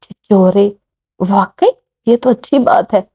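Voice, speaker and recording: A woman's voice: medium pitch, slow pace, creaky, dark tone, breathy edge, full character voice. A woman voicing a cheerful young woman playing matchmaker in a romance story. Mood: coaxing. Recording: muffled lo-fi recording.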